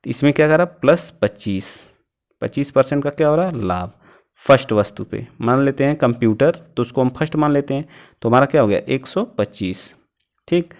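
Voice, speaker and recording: Male math teacher, exam-prep lesson, quizzes the class and talks through each calculation, mid-pitched. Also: animated. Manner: keeps asking the class questions and answers them himself, "ठीक है" after each step; reads out numbers slowly while working them out.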